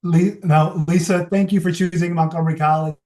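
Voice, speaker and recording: A man's voice: a little high, fairly even intonation, a little fast, a little mellow. A man introducing speakers at a public meeting, often repeating words as he goes. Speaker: college official introducing speakers. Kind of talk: meeting moderation. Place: meeting room.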